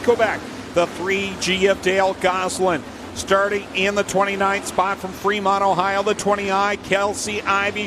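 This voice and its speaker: High-voiced male motorsport commentator over engine noise. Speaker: motorsport race announcer. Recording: noisy outdoor trackside with vehicle engines. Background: race cars and outdoor ambience.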